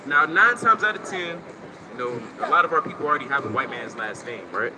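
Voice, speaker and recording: Street preacher guy, lively highish voice, traffic noise behind him. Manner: emphatic, asks rhetorical questions. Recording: noisy street with passing traffic.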